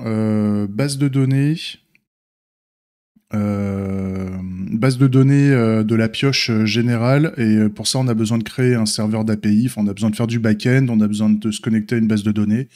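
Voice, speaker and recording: Giving an off-the-cuff stream update, a streamer and software developer muses aloud in a casual, hesitant manner, his s sounds slushy from a slight lisp. His medium-pitched voice is darkish, with fairly even intonation and a moderate pace.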